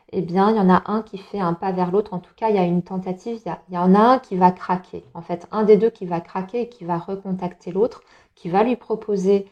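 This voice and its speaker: A woman's voice: mid-range voice, a little mellow, muffled recording. Chatty woman reading tarot. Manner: chatty, many fillers and restarts, reassuring. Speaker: tarot reader. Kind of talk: casual tarot reading for viewers.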